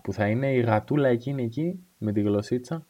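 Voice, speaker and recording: A man's voice: medium pitch, dark tone, dull audio. A man co-hosting a podcast in casual chat, with teasing, playful banter. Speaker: podcast co-host.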